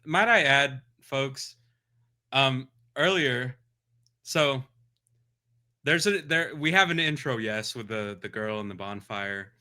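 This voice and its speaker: A man's voice: medium pitch, pushed and bright. A man co-hosting a podcast in casual chat, laid-back and laughing a lot. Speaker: podcast co-host.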